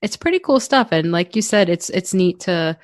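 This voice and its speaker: A woman's voice: fairly low pitch, expressive, moderate pace, no room sound, clean studio sound. A young woman co-hosting a podcast, chatting casually with many fillers and laughs. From United States. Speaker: podcast co-host. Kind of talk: casual chat.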